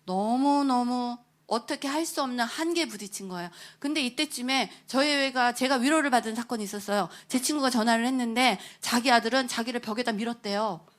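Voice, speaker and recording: A middle-aged woman giving a heartfelt church testimony, with a voice a little higher than most women's. She tells her story vividly and plays out each quoted line, then sinks to a near hush when the story gets tender. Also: fairly quick, few pauses. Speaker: deaconess giving a testimony at a prayer meeting. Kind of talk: emotional testimony sermon.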